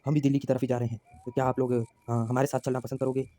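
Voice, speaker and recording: A man's voice: medium pitch, level tone, rapid-fire, dark tone, natural voice. A man voicing a friendly young survivor. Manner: friendly, open. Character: friendly young man inviting strangers along.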